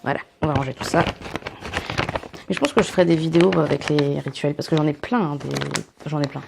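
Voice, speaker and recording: A young woman unboxes a subscription box at home into a camera mic, chatting and rambling with self-mocking asides. Her voice sits low, creaky and fairly quick, with background noise present.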